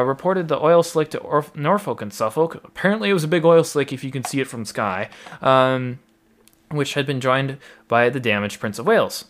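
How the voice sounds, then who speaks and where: A man's voice: medium pitch, a bit bright. A man casually narrating naval history, with lots of fillers, restarts and wry asides. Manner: rambling, many fillers and asides, wry humor.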